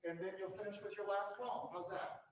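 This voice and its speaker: A man's voice: high voice, fairly even intonation, fairly quick. Distant, echoey man hosting an event. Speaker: event host. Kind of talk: informal event moderation. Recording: distant, very echoey, noisy room pickup.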